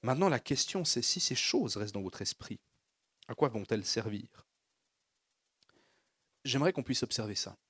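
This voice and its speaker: A man's voice: mid-range voice, animated, normal speed, long pauses, a bit bright, breathy edge. A man preaching a sermon, leading the congregation in call-and-response and building fervor. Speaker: pastor.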